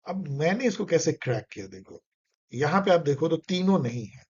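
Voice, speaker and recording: A man's voice: a little high, sing-song, normal speed, darkish tone, breathy edge. A man explaining exam questions as a tutor, in a conversational, coaxing way, often repeating key phrases and reading English lines with an Indian accent. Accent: Indian English in Hindi talk. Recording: slightly dull lo-fi recording.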